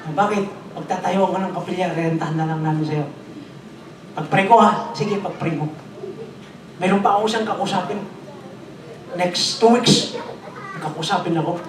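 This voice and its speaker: A pastor with a high voice jokes his way through a sermon, code-switching between Tagalog and English and doing impressions of people he talks to. The setting is a large church hall, recorded from afar with lots of echo; the background is noisy, with the congregation responding.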